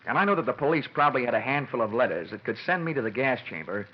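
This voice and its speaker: In a 1940s-50s radio detective drama, a man plays a cocky, wisecracking freelance insurance investigator with a sardonic hardboiled delivery and slangy quips. His mid-range, slightly rough voice races along, animated, urgent and wry. The vintage radio recording sounds dull, with music behind it.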